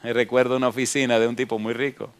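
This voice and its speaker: Pastor guy preaching, keeps asking the crowd yes or no, smooth clear voice, mid pitch. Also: level tone, quick pace. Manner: rhetorical questions to the congregation, storytelling. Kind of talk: sermon.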